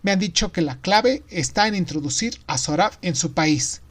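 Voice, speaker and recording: A man voicing an excited young wife who talks eagerly on the phone. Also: high-pitched, moderate pace, pitched above the performer's own voice.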